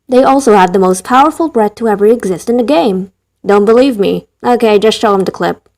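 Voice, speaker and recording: A woman's voice: mid-range voice, a little fast, darkish tone. A woman narrating a ranking of game creatures, with wry, rambling asides in a voice she herself calls tired and dead. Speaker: gaming video narrator. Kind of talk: scripted game ranking commentary.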